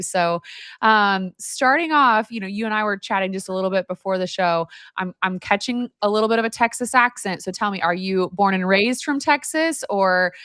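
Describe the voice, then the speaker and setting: Female podcast host, conversational interviewer, mid-pitched voice, very dry sound. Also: a bit bright, dry recording. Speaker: podcast and live stream host.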